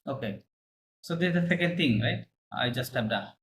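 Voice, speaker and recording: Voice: medium pitch, expressive, very slow, slight background noise, rough recording. ধৈর্যশীল ফরাসি ভাষার শিক্ষক, মাঝে মাঝে ইংরেজি শব্দ. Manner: patient, checks understanding with frequent "right?"; mixes Bengali with English and French terms. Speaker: French teacher. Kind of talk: online language lesson.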